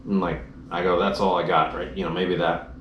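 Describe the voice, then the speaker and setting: Low-voiced man telling a story, echoey room. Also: fairly quick, dull audio. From Dallas-Fort Worth area, Texas. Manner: animated storyteller, acts out quoted dialogue. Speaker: motorcycle trip rider telling his story. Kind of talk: casual storytelling chat. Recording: roomy echoey room, faint noise.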